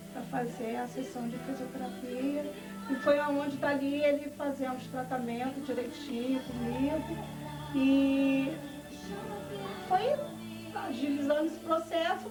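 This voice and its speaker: Middle-aged Rio woman, high voice, testimony story with dialogue; recorded from afar in a reverberant hall. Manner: storytelling, quoting family in dialogue. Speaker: church testimony speaker. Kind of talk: personal testimony. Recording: echoey, from far off, music behind.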